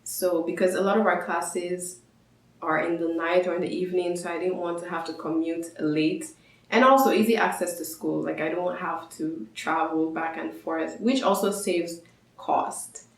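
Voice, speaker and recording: A woman's voice: fairly low pitch, fairly even intonation, normal speed. A young woman from Nigeria, a student vlogger, giving casual, upbeat advice to her viewers. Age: young adult. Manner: chatty, explanatory, upbeat. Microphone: camera mic. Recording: echoey room.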